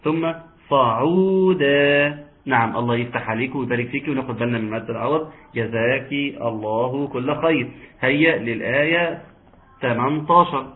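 A man speaks with an Egyptian Arabic accent, teaching Quran recitation in an online class. He is patient, repeating and drawing out sounds so his students can copy them. His voice sits at an ordinary pitch and comes through a narrow, phone-like video-call line. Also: a little fast. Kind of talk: online tajweed lesson.

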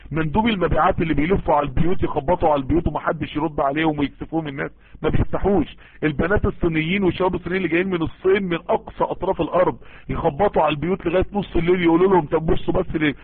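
An Egyptian man preaches and gives advice in a rapid, husky voice. He sounds earnest and emphatic and often repeats phrases for stress. The sound is thin and tinny, like a phone line. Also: fairly high pitch, no room sound. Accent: Egyptian Arabic. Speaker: preacher answering listener messages. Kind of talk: informal Islamic sermon and advice.

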